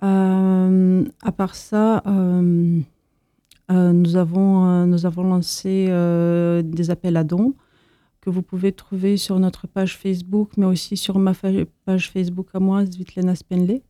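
A woman from Moldova answers interview questions in a halting way, often pausing and restarting. Her voice is very dark and mellow. The recording is dry and close. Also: fairly low pitch, level tone, no room sound. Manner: hesitant, many fillers and restarts. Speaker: association founder.

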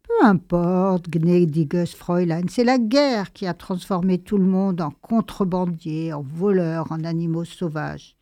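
A woman's voice: on the low side, measured pace, warm tone, no room sound, studio quality. A woman voicing a courteous, worldly German army lieutenant in a read-aloud story. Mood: gallant. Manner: polite, gallant.

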